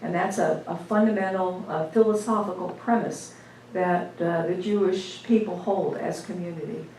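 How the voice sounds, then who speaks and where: A woman's voice: lowish voice, fairly even intonation, darkish tone, slight background noise. Woman minister in an echoey sanctuary. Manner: informal, halting with fillers. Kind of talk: sermon and service leading. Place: church sanctuary. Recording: echoey room, distant mic.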